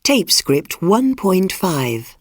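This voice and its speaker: A woman teacher reading textbook tape scripts, saying letters and numbers in a very slow, deliberate way. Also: on the low side, sing-song, dry recording, studio quality. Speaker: English teacher.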